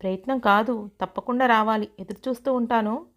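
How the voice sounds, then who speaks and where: A woman voicing an affectionate young newlywed husband in a story, speaking in a soft, coaxing way. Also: a little high, a little fast, natural voice.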